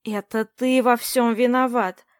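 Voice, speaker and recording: An anxious, reproachful wife with a shrill, high voice, as a woman narrator puts her on. She scolds and frets in sharp bursts. Dry, close recording. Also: normal speed, dry recording, lightly acted. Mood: alarmed.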